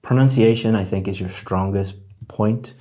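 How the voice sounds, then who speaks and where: A man's voice: fairly low pitch, normal speed, dark tone. A man giving spoken feedback on a speaking test, explaining scores in an encouraging way with frequent restarts.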